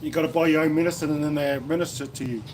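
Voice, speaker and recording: A man's voice: a little high, steady tone, racing, noisy background. A man from New Zealand with a New Zealand accent, chatting casually on a livestream over lunch, rambling with fillers and restarts. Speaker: livestream host. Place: indoors at a lunch table in the Philippines.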